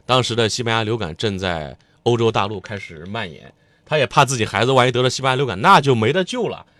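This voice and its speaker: A man's voice: mid-range voice, a bit bright, no echo. A man co-hosting a history podcast, explaining background in a casual conversational way. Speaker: podcast co-host.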